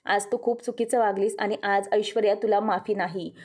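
A woman's voice: mid-range voice, steady tone, normal speed, darkish tone, close to an everyday voice. A woman voicing an angry grandmother who scolds her daughter-in-law in a stern, accusing tone. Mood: angry scolding.

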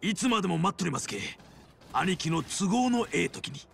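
A man playing a brash, hot-tempered yakuza boss in a video game, blustering in rough Hiroshima gangster speech. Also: sits high, expressive, normal speed, slight background noise, exaggerated voice. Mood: eager, respectful. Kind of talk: video game drama acting.

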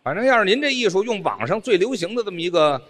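A man playing the straight man in crosstalk, cutting down his partner's boasts with exasperated retorts. His voice is high and bright, and it moves a lot in pitch. The sound carries a long hall reverb. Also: big pitch swings, quick pace. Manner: exasperated retorts, deflating the jokes. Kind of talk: live stage crosstalk. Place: theater stage before a live audience.

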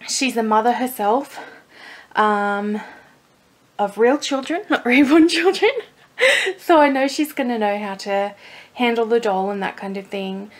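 A woman chatting casually to her camera while packing a parcel at home, a little nervous and apologetic, with her camera mic set a fair way away from her. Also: medium pitch. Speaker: doll vlogger.

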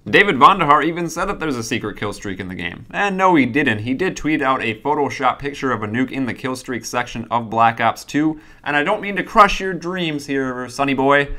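A man hosting his own gaming channel, ranting in a sarcastic, profane comedy style. His delivery is punchy and mocking. His voice sits at a middle pitch and has a bright, forceful edge. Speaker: YouTube gaming channel host.

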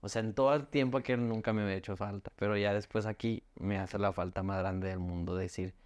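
A young man with a Mexican accent, heartfelt and halting as he tells his own life story on a podcast, often restarting his words. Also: fairly low pitch, fairly even intonation. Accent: Mexican Spanish. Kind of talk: emotional personal storytelling.

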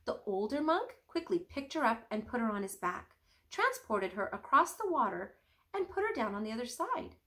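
A young woman reading a children's storybook aloud in an expressive, teacherly way with careful pauses. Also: on the high side. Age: young adult.

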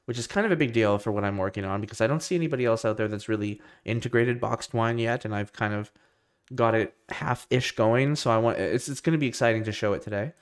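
A man's voice: mid-range voice, fast, clean tone. A young man talking casually to his live stream while getting over a cold, his voice nasal and his talk loose and rambling. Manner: rambling, loose and self-deprecating, many restarts. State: tail end of a cold. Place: home room with a computer rack.

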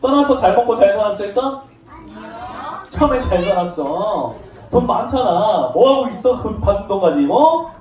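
A woman's voice: mid-range voice, moderate pace. A woman giving a children's sermon in church, asking the children questions and acting out the story playfully. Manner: animated, asks children questions, acts out lines playfully. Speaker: children's Sunday school teacher. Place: church classroom. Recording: distant mic in an echoey room.

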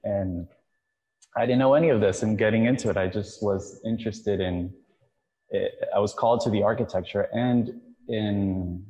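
A young man from Miami with a deep voice talks through his ideas slowly, pausing often and restarting his thoughts. He is recorded outdoors in a courtyard, with a long reverb trailing his words. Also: mellow. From Miami, USA. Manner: thoughtful, halting, many fillers and restarts. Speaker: choreographer and dancer, guest. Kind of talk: artist talk.

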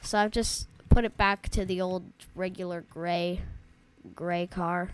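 Her pitch is fairly low, her tone steady and smooth, and she talks a little slowly. This gaming YouTuber rambles chattily through a let's-play, addressing viewers directly as "guys," with allergies making her voice sound a bit off.

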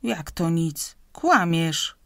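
A woman's voice: lowish voice, animated, very slow, creaky, fairly bright tone, dry recording, studio quality, heavily acted. A woman reading an audiobook, voicing a grasping, domineering wife who scolds and interrogates her husband. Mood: interrogating. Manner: scolding, interrogating, raised and insistent. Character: grasping sharp-tongued middle-aged wife, domineering.

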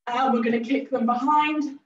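A woman with a somewhat high, fairly even voice leads a cardio class at a normal speed, breathless as she gives upbeat cues and countdowns. The fitness instructor's recording sounds roomy, distant and a bit dull, with slight background noise.

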